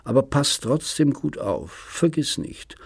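A man's voice: medium pitch, lively intonation, gravelly, breathy edge, dry recording, studio quality, pitched above the performer's own voice, exaggerated voice. A man doing a sly whispering little devil. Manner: hushed, sly and slow. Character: cynical little male devil whispering in the ear. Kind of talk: audiobook reading.

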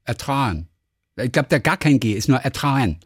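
A man from northern Germany co-hosting a podcast in casual chat, teasing and playful with quick wordplay. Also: medium pitch, slightly rough, no echo, studio quality. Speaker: podcast co-host.

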